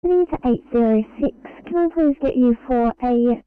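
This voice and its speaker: A woman's voice: a little high, normal speed, smooth, dry recording. A woman working as an emergency dispatcher over a two-way radio, handing out jobs with polite, businesslike requests. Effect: heard over a two-way radio. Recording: tinny phone-like radio transmission.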